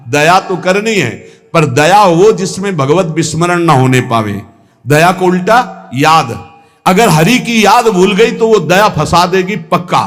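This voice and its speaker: A man giving a devotional discourse as a spiritual teacher, slow and measured, drawing out and half-singing the verses he quotes. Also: high voice, a bit bright, big-room sound.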